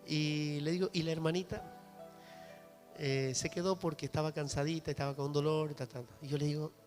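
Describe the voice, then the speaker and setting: A man's voice: fairly high pitch, steady tone, a little fast, darkish tone. A man with a Bolivian accent, a pastor preaching fervently to his congregation. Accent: Bolivian Spanish. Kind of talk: sermon. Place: church hall. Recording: reverberant church hall with music.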